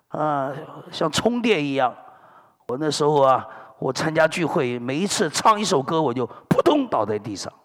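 A middle-aged male pastor preaching a sermon, telling stories with lots of energy and dropping in hallelujahs and amens. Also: a little high. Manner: animated storytelling preacher, sprinkling hallelujahs and amens. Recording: long hall reverb.

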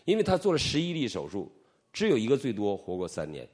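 A man's voice: lowish voice, fast. A middle-aged man from Northeast China, a preacher telling his testimony in a sermon and acting out the dialogue as he goes. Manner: animated storytelling, acting out dialogue.

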